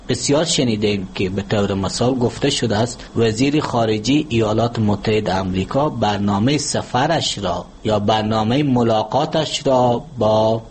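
A low-voiced man answers in a formal interview, laying out points of spelling and grammar one example at a time. His delivery is measured and didactic, and a faint background noise sits under his voice. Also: darkish tone. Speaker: language expert guest.

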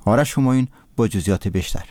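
A man anchors a radio news bulletin, reading in a measured, formal way. His voice sits low and warm, and the recording is dry and close. Each sentence is delivered evenly and deliberately. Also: no room sound. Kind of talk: read news presentation.

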